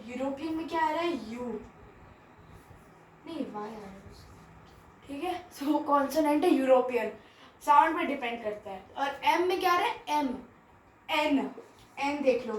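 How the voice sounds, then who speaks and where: A woman's voice: high voice, echoey room, recorded from a distance, low-quality recording. A woman teaching grammar, speaking. She asks the class questions and answers them herself, often checking in with "theek hai". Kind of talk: classroom grammar lesson mixing Hindi and English.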